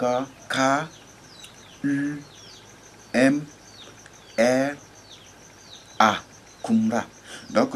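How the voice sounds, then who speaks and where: Low-voiced man, informal Bible teacher, halting and repetitive, spells out words; faint birdsong behind him. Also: slight background noise. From Chad. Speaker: religious teacher.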